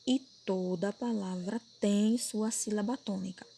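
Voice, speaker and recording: A woman's voice: mid-range voice, fairly even intonation, measured pace, gravelly, dark tone, a little hiss or hum. A woman with a Brazilian Portuguese accent teaching a recorded grammar lesson, patiently repeating points and checking that her pupils follow. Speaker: primary school teacher.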